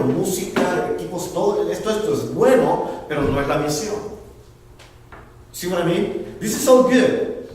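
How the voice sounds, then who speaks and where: A male pastor preaching a lively sermon, acting out the voices he quotes. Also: on the high side, slight background noise. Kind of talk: bilingual sermon. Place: church hall. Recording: echoey hall from far off, faint ambience.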